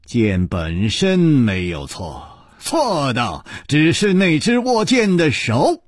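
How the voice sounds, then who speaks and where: A calm, wise hero speaks in a measured, reflective way, as a male storyteller voices him. The voice is husky and lively in pitch. The sound is dry and close. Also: no echo, full character voice.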